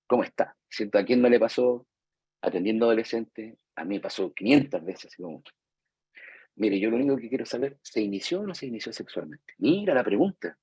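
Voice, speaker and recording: A man's voice: mid-range voice, animated, brisk, a little mellow, husky, dry recording, low-quality recording. A Chilean man, a psychologist, giving a live lecture to therapists in a conversational way, acting out patients and parents and often checking in with his audience. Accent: Chilean Spanish. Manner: conversational, acts out patients and parents, frequent "¿cierto?" tags.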